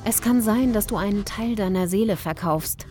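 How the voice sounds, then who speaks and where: A secretive young woman steeped in witchcraft, speaking calmly and often close to a whisper, as an actress plays her. She guides a friend through spells in a quiet, knowing tone. Faint eerie music runs under the audio drama. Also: medium pitch, moderate pace, lightly acted. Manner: hushed, calm, instructive, often whispering. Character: odd young woman, occult collector, calm and secretive. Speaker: Kathy. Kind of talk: German horror audio drama acting.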